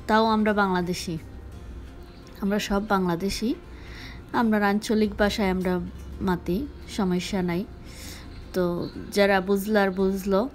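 Young woman vlogger, Sylheti Bengali accent, candid and chatty, sprinkles English words, faint music underneath. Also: medium pitch. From Sylhet, Bangladesh. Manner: frank, mixing English words into speech. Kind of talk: casual talk to camera.

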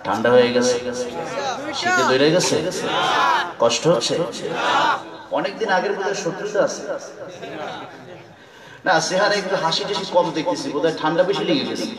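High-voiced preacher joking at an echoey open-air rally. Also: male voice, animated, moderate pace, pauses often. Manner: jokey storytelling, keeps demanding answers from the audience. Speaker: Islamic preacher. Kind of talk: humorous sermon at an outdoor gathering. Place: open-air religious gathering on a field. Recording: echoey, distant, with crowd behind. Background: large listening crowd.

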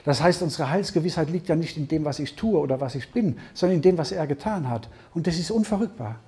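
A man leads a Bible seminar in a loose, conversational way. His voice sits a little high but sounds warm and mellow. He keeps pausing to check in with his listeners with a quick "ja?". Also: animated. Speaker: Bible teacher. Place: seminar hall with audience questions.

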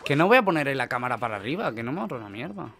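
Jittery Spanish streamer mid-speedrun. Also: male voice, medium pitch, big pitch swings, racing, creaky. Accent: Spain Spanish. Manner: nervous, swearing chatter while playing, bursts of frantic yelling. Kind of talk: live speedrun commentary. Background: game music.

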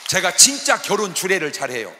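An older man preaching a joking, theatrical revival sermon, throwing in sudden shouts when he acts out quotes. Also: high voice, big pitch swings, a little fast, a crowd in the background, noisy background. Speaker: pastor. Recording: echoey church hall with long reverb.

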